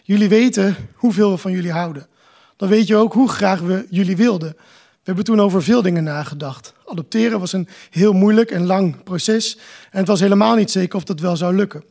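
Earnest father figure, read by a man, measured, gravelly. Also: high voice, darkish tone. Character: steady middle-aged father, gentle and earnest.

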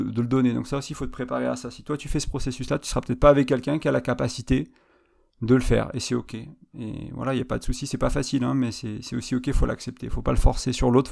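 A man's voice: mid-range voice, gravelly, darkish tone. A man hosting a podcast, giving an informal advice monologue that speaks straight to the listener and explains things step by step. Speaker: podcast host.

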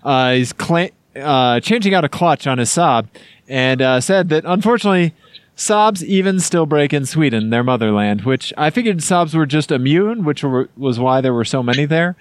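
Guy podcast host w missouri twang, slightly high voice, joking around casually, dry sound. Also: lively intonation, moderate pace, clear, resonant tone, dry recording. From Missouri, United States. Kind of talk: casual chat.

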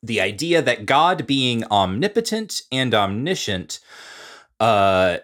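A man co-hosting a podcast, explaining ideas in a measured, lecturing way with frequent "uh" and "right?". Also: medium pitch, big pitch swings, fairly bright tone. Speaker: podcast co-host. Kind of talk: casual explanatory discussion.

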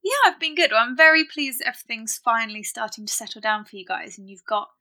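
A young British woman chats as a podcast co-host. Her voice is high and forward, with a bright edge. Her manner is casual, talkative and a little self-mocking. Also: lively intonation, fast. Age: 20s. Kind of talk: casual chat.

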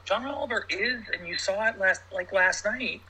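A man, a production designer, chatting as a podcast guest and telling stories with animated energy. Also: high-pitched, normal speed, husky, low-quality recording. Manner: animated storyteller, laughs while talking. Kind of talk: casual podcast chat.

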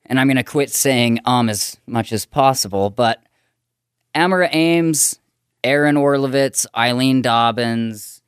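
A man's voice: medium pitch, measured pace, clean tone, no echo, clean studio sound. A male podcast host chatting casually, laughing often and joking about himself. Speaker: podcast host and comedy show host.

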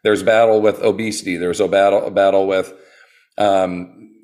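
An American personal trainer speaks earnestly in a casual interview, his low-pitched voice at a moderate pace. He tells animated stories, restarting his sentences often.

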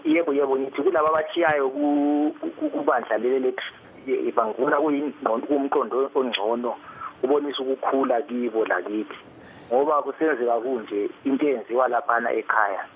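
Fast-talking Zimbabwean Ndebele man on tinny phone. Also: mid-range voice. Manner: halting, repeats word beginnings. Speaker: phone-in caller. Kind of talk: giving an opinion on a live call-in. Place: phone call. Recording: noisy, muffled, tinny phone line.

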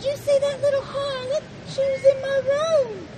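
A woman voicing an outraged, prim high-society heiress in a tabletop melodrama, with affected, flustered exclamations. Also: unhurried, over a noisy crowd, very noisy. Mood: alarmed, outraged.

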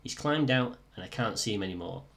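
Slightly croaky man, lowish voice. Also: lively intonation, a little fast, a bit bright. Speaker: podcast host and student pilot. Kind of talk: scripted narration, first-person storytelling.

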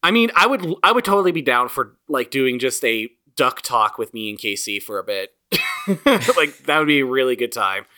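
Bright, forceful man chatting as podcast host. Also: mid-range voice, animated, normal speed. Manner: rambling, repeats himself for emphasis. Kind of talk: casual chat.

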